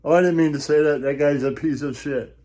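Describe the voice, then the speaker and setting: A show host rambles through a crude comic monologue, mocking and repetitive, leaning on catchphrases and laughing at his own jokes. His voice is fairly high-pitched, steady, brisk, and darkish in tone.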